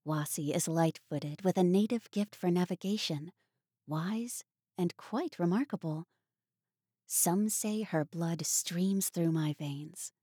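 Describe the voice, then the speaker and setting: A woman's voice: on the low side, slow, mellow, dry recording, clean studio sound. A woman voicing a proud, earnest young woman who speaks wistfully.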